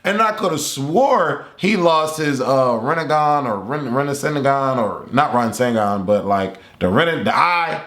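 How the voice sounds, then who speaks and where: Male anime reviewer, casual and rambling, animated and laughing, middle pitch, recorded with room echo. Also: a little slow, few pauses. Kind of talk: casual chat. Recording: roomy echo.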